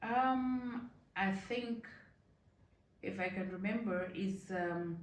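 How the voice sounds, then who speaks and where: A middle-aged woman from Nigeria, a guest in a casual chat, telling a story slowly and hesitantly. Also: mid-range voice, far from the mic. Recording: echoey room, a little off-mic.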